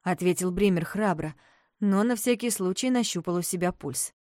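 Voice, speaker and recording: A woman narrating a children's story with animated, expressive storytelling. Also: fairly low pitch, normal speed, no echo, clean studio sound.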